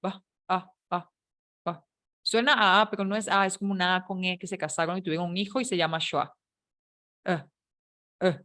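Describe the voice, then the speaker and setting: A woman's voice: on the low side, fairly even intonation, a little fast, long pauses, pushed and bright. Chatty woman teaching English grammar. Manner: chatty, playful explaining with jokes and questions to students. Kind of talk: online English lesson taught in Spanish.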